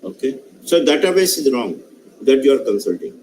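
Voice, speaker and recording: A man's voice: mid-range voice, very animated, moderate pace, a little mellow, slight background noise, low-quality recording. A male professor with an Indian English accent, giving an online lecture and putting questions to participants, speaking emphatically and often repeating and restarting phrases. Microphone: online session microphone.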